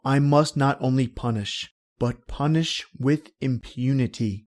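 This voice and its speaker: A man playing a cold, cunning, vengeful nobleman who narrates a horror tale in a theatrical, deliberate, formal way. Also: mid-range voice, a little mellow, natural voice. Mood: brooding, resolute. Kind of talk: dramatic horror storytelling in old radio manner.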